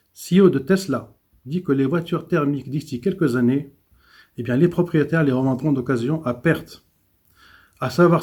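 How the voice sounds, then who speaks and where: Man, husky, slightly high, news commentary read aloud, occasional restarts. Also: a little mellow. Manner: reads with small stumbles and restarts.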